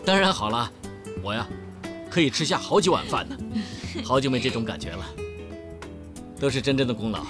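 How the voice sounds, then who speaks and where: Fatherly middle-aged chairman played by a man, genial and eager, very animated delivery, television drama. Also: medium pitch, fairly quick, pauses often, over music, close to an everyday voice. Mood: cheerful.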